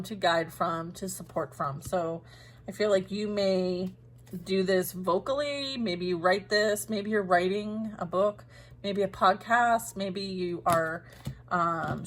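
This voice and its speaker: Rambling, low-voiced woman reading tarot. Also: a little hiss or hum. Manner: rambling and unhurried, full of fillers, often laughs at herself. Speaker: tarot reader. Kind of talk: casual spoken tarot reading.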